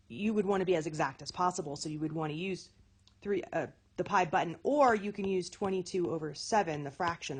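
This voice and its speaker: A woman's voice: fairly low pitch, slightly rough. A woman teaching a recorded math lesson. She talks in a chatty way, often corrects herself and checks in with "okay?".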